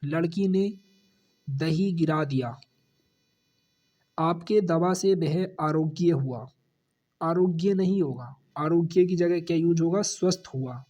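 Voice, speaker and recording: A man with a Hindi accent teaching a spelling lesson for exam students, repeating each corrected word and dropping low on the answer. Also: takes it slowly, long pauses, dark tone, highs cut off.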